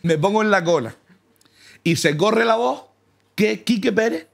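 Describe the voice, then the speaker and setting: A comic man spins mock-humble brag stories in a gravelly, fairly high voice. His pitch leaps and swoops as he talks, and he keeps breaking into laughter. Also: expressive, a little slow. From Canary Islands. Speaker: comedian guest. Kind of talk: comic storytelling in casual chat. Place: car.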